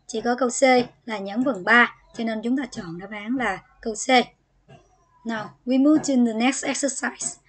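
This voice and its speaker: A woman teacher with a Vietnamese accent and a high voice works through exam exercises. She explains in her first language and reads the English answer words aloud. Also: fairly bright tone.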